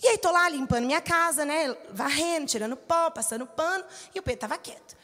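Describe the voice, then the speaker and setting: A Brazilian woman in her thirties preaches with a high, bright voice. She speaks conversationally, telling stories from her own life and voicing the people in them. Her voice carries a long reverb from the church hall. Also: expressive, brisk. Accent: Brazilian Portuguese. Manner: conversational, storytelling with acted-out quotes. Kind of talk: sermon.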